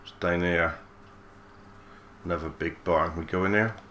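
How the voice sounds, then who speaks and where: Low flat-voiced gamer. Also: male voice, a little slow, a little hiss or hum. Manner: relaxed musing, mild swearing. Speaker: gaming channel host. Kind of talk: let's play commentary.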